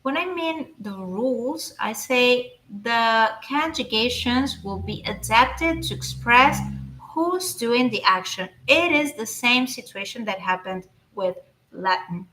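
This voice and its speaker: A woman teaching an online language lesson, explaining slowly with many fillers and restarts into a computer microphone. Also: fairly high pitch, expressive, sharp tone, reverberant, a little hiss or hum. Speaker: Spanish teacher.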